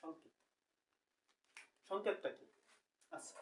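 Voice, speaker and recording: A man's voice: slow, a little hiss or hum. Young guy doing a recorded chem class, explains step by step, asks questions, says sorry when he slips, bit far from the mic. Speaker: chemistry teacher. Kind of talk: recorded lecture.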